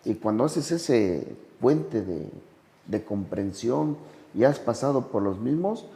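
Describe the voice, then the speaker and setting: A man with a gravelly, mellow voice talks slowly and thoughtfully as a sponsor. He tells his anecdotes with animated jumps in pitch. The sound carries a long reverb. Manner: slow, measured delivery with dramatic pitch swings when telling anecdotes. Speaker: sponsor and podcast guest. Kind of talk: reflective conversational storytelling.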